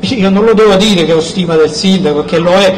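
A man's voice: sits high, brisk, rough recording. A middle-aged man with a southern Italian accent from Campania gives an emphatic, insistent political speech, repeating key words. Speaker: local politician. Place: outdoor town square. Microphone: microphone on a stand, amplified. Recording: outdoor public address with background noise.

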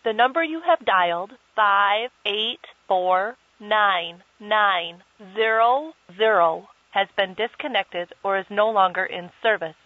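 A woman's voice: mid-range voice, slow pace, hardly any pauses, dry recording. A woman reading a scripted disconnected number message in a formal way, with digits pieced together one by one. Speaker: telephone intercept announcer. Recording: dull lo-fi telephone recording.

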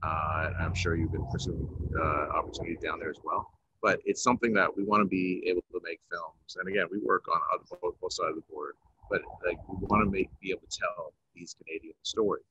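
A man's voice: low voice, fairly even intonation, quick pace, bright, forceful tone. A middle-aged man filmmaker speaking earnestly over a video call, pressing his point with conviction. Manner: earnest, rising to emphatic urging. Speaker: filmmaker guest. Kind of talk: casual conversation. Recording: muffled dry video call audio.

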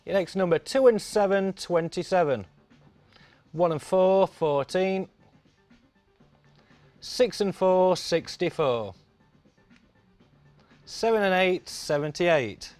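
A man's voice: high voice, darkish tone, no room sound. A middle-aged man calling bingo numbers on a TV show in a sing-song, repetitive patter. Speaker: bingo caller. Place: TV studio.

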